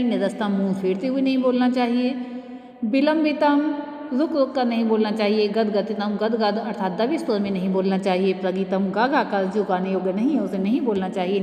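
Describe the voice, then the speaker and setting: Woman teaching in an echoey room. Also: on the high side. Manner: steady explanatory delivery, slowing to recite Sanskrit verses. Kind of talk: lecture explaining Sanskrit pronunciation methods. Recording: echoey room with long reverb.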